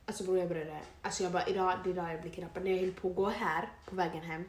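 Echoey, animated young woman storyteller. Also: fairly low pitch. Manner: animated storyteller, slangy, swears a lot. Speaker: podcast co-host. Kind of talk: casual chat. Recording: echoey room with faint noise.

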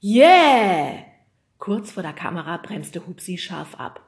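A woman narrating a children's audiobook in a lively storytelling manner. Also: on the low side, normal speed. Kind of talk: scripted narration.

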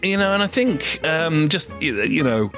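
A man hosting a comic podcast, talking in a rambling, halting, mock-earnest way. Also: a little high, sing-song, over music. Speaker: podcast host.

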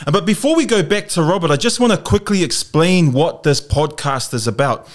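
Pacific islander kiwi guy hosting a church podcast, bit high voice, preachy phrasing with lots of uhs. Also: lively intonation, fairly quick. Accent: Pacific Islander New Zealand. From South Auckland, New Zealand. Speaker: podcast host.

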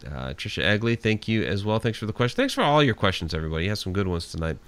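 A man's voice: fairly low pitch, sing-song, racing, fairly bright tone, no echo. A man in his forties hosting a live radio show, casually thanking listeners by name and chatting easily. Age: 40s. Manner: reads out listener names with thanks, easygoing and chatty.

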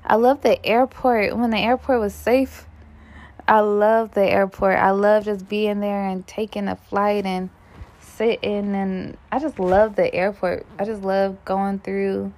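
A woman's voice: mid-range voice, flat delivery, a little slow, a little mellow. A woman vlogger rambling casually to her viewers, musing aloud and correcting herself as she goes. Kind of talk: casual rambling chat to camera.

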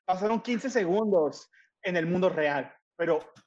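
A man's voice: sits high, a little slow, darkish tone. A man with a Mexican accent, a podcast co-host who teases and jokes in casual, slangy banter. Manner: teasing, joking, slangy. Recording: dull lo-fi mic with faint hiss.

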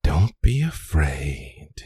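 A man voicing a sinister plant monster that speaks inside a victim's mind, slow, soothing and menacing, in a tabletop game. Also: rumbling low, big pitch swings, warm tone, husky, dry recording, studio quality, faint music behind, pitched below the performer's own voice, heavily acted. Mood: coaxing menace.

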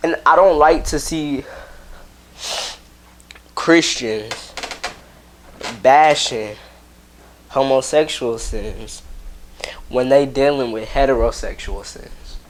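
Guy pastor talking slow to his viewers, rambly, keeps cutting himself off n laughing. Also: medium pitch, a little hiss or hum. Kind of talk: casual preaching to camera.

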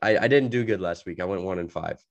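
A man's voice: low voice, fast talker, no room sound, highs cut off. Young man with a cold, rambling chat. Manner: rambling, heavy filler "like", laughs a lot. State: sick with a cold, coughing. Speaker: podcast co-host. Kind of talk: casual chat.

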